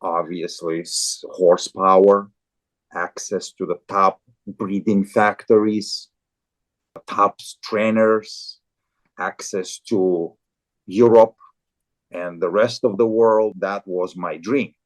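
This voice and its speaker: A man in his forties from Azerbaijan, a guest in an interview, speaking haltingly with many repeated and restarted words. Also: low-pitched, fairly even intonation. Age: 40s. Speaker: guest, farrier and show jumper. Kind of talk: casual interview talk.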